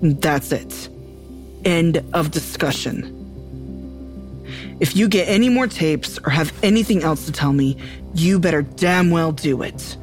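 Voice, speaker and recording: An actress playing a blunt, tough sheriff who speaks in a curt, commanding way. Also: female voice, low voice, expressive, unhurried, long pauses, soft background music. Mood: stern. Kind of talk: audio drama acting.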